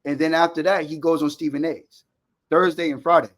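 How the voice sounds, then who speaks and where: Higher-pitched man in a heated sports debate. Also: steady tone, brisk, a bit bright. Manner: argumentative, insistent, interrupting, repeats points, slangy and profane. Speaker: sports fan debater, Cowboys supporter.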